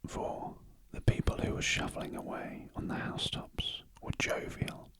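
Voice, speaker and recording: British man whispering a gentle ASMR story, slowly. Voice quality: soft, breathy unvoiced whisper. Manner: very gentle, slow, measured reading with pauses. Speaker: ASMR reader. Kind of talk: whispered ASMR audiobook narration of a classic story. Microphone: close ear-to-ear stereo microphone.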